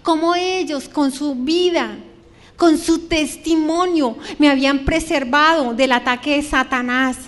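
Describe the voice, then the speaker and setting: A middle-aged woman giving an emotional religious testimony to an audience, slowing down and stretching her words as her voice breaks. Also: high voice, fairly bright tone.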